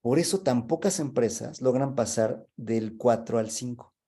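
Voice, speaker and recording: A man, a guest speaker who explains leadership in a webinar, tells a joke as a story and often fills pauses with "este". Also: medium pitch, warm tone, breathy edge. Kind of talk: webinar talk.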